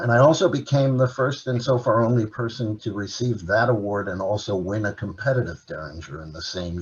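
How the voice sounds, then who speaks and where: A low-pitched man, a native Dutch speaker, gives a casual presentation at an online library event about his work as an author and translator. He lists items and uses many filler "uh"s. The recording has its highs cut off.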